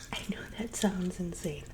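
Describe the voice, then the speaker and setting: A woman doing a whispered role-play as one side of a casual, rambling chat, speaking in a soft, conspiratorial library-style whisper with some low murmured words. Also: slow.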